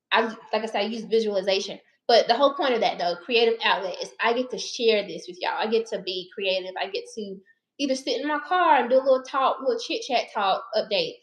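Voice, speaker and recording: A woman in her thirties, a therapist running a personal finance channel, chatting casually and directly to her viewers, calling them y'all and baby. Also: medium pitch. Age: 30s. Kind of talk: casual chat to camera. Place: her living room or car. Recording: roomy echo.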